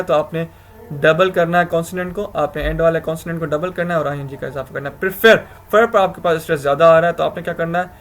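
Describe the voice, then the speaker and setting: A man's voice: fairly high pitch, a bit bright. A man giving a recorded grammar lecture, explaining step by step, often asking himself questions and correcting himself. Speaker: English grammar teacher.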